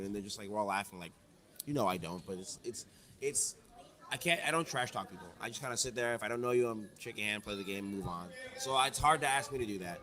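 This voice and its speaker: A man's voice: lowish voice, bright, forceful tone. A hungover man rambles through casual podcast chat, swearing freely as he talks about competitive play. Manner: casual, profane, rambling storyteller. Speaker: podcast guest, competitive fighting game player.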